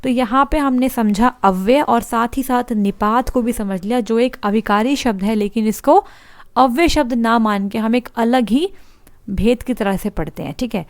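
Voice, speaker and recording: A woman's voice: a little high, moderate pace, dry recording. Woman, grammar teacher, explanatory lecture style, rhetorical questions, dry close recording. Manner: explanatory, repeats points and asks rhetorical questions. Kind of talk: exam-prep lecture explaining slides.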